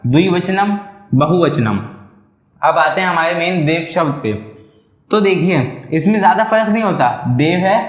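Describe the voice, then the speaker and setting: A man's voice: on the high side, fairly bright tone, reverberant. A man teaching a school lesson, patiently explaining, asking questions and answering them himself, with a Lucknow Hindi accent.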